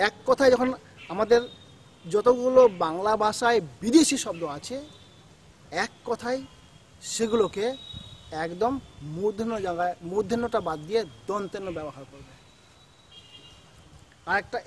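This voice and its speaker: A man's voice: high voice, a little hiss or hum. A male school teacher, teaching a grammar lesson step by step and often checking in with his students. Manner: explains step by step, checks in with "ঠিক আছে?".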